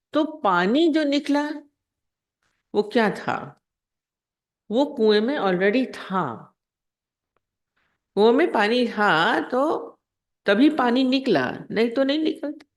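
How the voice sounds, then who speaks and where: A woman spiritual teacher giving a discourse, explaining in a conversational way with everyday examples and rhetorical questions. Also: mid-range voice.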